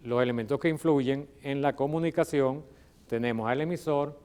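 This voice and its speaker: A man's voice: medium pitch, normal speed, a little mellow, clear, resonant tone. A man with a Venezuelan accent, teaching a televised classroom lesson from a studio with an electronic whiteboard. He explains step by step and often checks in with "ok?".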